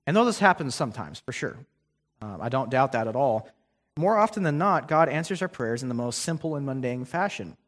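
In a church sanctuary with long hall reverb, a young guest preacher delivers a conversational sermon full of ums and restarts. His mid-range voice is animated and a little fast.

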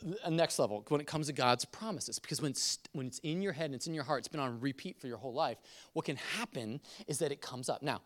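A middle-aged man preaching a conversational sermon, telling stories with laughs and swings from loud to soft. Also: mid-range voice, quick pace. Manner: conversational, animated storytelling with laughs. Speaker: pastor.

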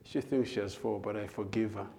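A man, a guest preacher giving his personal testimony with many hesitant filler pauses. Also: on the low side, steady tone, creaky, a crowd in the background. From South Africa. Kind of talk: personal testimony before a sermon.

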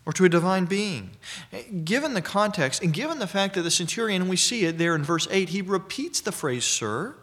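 Male preacher, slightly higher voice, measured emphatic sermon delivery. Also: big pitch swings, a bit bright. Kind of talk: expository sermon.

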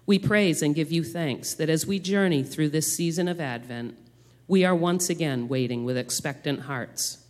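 Guy church elder praying out loud, voice a bit high, reverby hall. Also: normal speed, few pauses. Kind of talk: announcement and public prayer. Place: church sanctuary.

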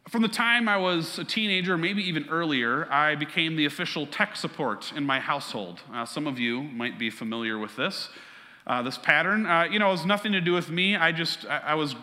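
A man's voice: fairly high pitch, animated, moderate pace, sharp tone, in a large hall. A man preaching a sermon as pastor, earnest and conversational, weaving a personal story into his teaching.

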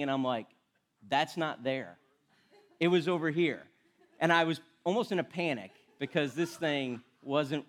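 A middle-aged man preaches in a casual, self-deprecating way, chatting with his church and stumbling over restarts. He mixes everyday stories into the sermon, and he sounds relaxed and conversational. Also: on the high side. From Florida. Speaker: lay preacher and firefighter. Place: church sanctuary.

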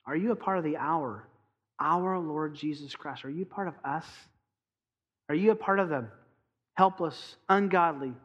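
High-voiced man preaching emphatically. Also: lively intonation, slightly rough, highs cut off. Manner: emphatic preaching with rhetorical questions and slowed key phrases. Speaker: pastor. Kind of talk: sermon.

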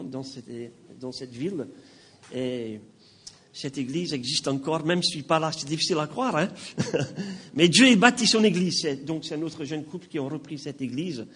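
An older man in his sixties preaches in a church, his voice pitched a little high and slightly husky. He speaks with a slight non-native accent. His delivery is folksy, with gentle jokes and lots of filler words. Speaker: pastor. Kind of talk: sermon.

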